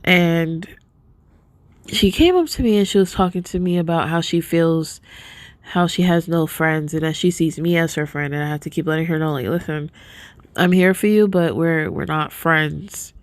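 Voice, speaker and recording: Talking at a normal speed in a low-pitched voice, this podcast host is congested and sniffling, and she addresses her viewers softly, earnestly and casually. The recording has no room sound.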